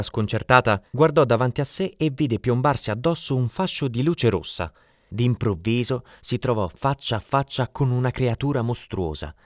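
A man narrating a story in an expressive, dramatic reading. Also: mid-range voice, no echo, clean studio sound. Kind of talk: audiobook narration.

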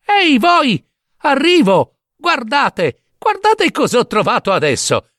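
A man voicing a cheerful, foolish young man who calls out eagerly in a raised, excited voice, in a read-aloud fairy tale. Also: normal speed, creaky, no room sound, clean studio sound. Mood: shouting. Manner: shouting eagerly, high and excited.

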